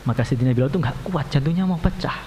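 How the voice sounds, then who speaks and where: A man preaching an evening sermon, telling stories with passion, dropping to hushed low lines and then rising to raised cries, often adding Arabic honorifics. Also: expressive, quick pace. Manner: impassioned storytelling, swinging between hushed low lines and raised high cries; peppers speech with Arabic honorifics. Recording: echoey hall with faint hum.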